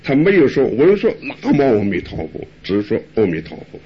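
Chuckling old monk, lively voice, lo-fi. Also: male voice, mid-range voice, brisk, crowd noise. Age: older. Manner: folksy, chuckling, asks rhetorical questions. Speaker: Buddhist monk teacher. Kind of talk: dharma talk answering questions. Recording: dull lo-fi recording.

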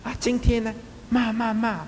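Guy playing an older devotee whining, high and wobbly, faint hall echo. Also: completely flat delivery, normal speed, a little mellow, a little hiss or hum. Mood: aggrieved. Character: older devotee complaining, aggrieved and whiny.

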